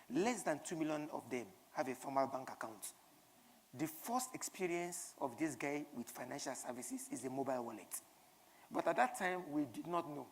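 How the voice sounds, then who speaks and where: A Nigerian woman with a low-pitched voice delivers a conference keynote in front of an audience. She drives her points home emphatically, repeating phrases and posing rhetorical questions. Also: gravelly, big-room sound, slight background noise. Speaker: keynote speaker.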